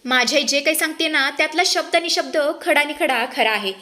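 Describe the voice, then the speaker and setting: A woman's voice: high voice, a little fast, bright, forceful tone, pitched above the performer's own voice. A woman reading the lines of a young woman who pleads for her mother's release, in a pleading manner.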